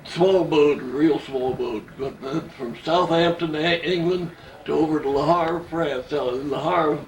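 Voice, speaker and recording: An older man recalls past events in a casual, halting way, going back over his words. His voice sits a little high. The home recording is roomy and distant, with a faint hum of ambience behind him. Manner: halting, repeats and restarts words. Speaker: family member telling memories. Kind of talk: casual storytelling. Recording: echoey room, away from the mic, faint ambience.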